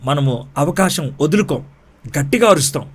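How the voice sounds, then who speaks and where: A man from Andhra Pradesh gives a youth sermon in a slightly high voice. He drives his points home with repetition, often restating them in English phrases, and swells to loud cries at the climaxes. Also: expressive, normal speed, breathy edge. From Andhra Pradesh, India. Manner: emphatic, rising loud at key points, repeats phrases for weight. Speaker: preacher.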